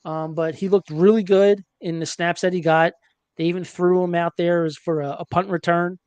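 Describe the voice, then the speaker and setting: A man hosting a casual sports podcast, chatty and hesitant, filling pauses with ums and uhs. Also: high-pitched, little pitch movement, a little mellow, clear, resonant tone, no room sound, muffled recording. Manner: chatty, hesitant with many fillers. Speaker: podcast host.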